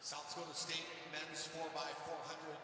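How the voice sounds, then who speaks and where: A man making slow, formal meet announcements over a PA system in a large indoor track arena. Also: on the high side, monotone. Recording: echoey arena PA from far off, background noise.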